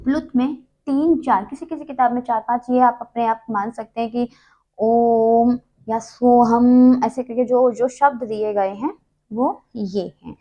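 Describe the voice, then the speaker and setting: A woman's voice: on the high side, normal speed, darkish tone, highs cut off. A woman teaching a Hindi grammar lesson, patiently explaining and drawing out each consonant sound. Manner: uses many fillers.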